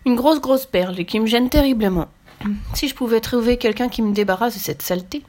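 A woman's voice: a little high, brisk, darkish tone, close to an everyday voice. Sighing plaintive oyster, as a woman puts it on. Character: sighing weary oyster, female.

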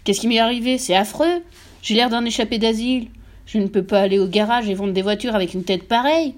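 A woman reading an audiobook aloud and voicing a loud, vain, dim-witted father who bellows and blusters. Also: fairly high pitch, brisk, close to an everyday voice. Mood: panicked.

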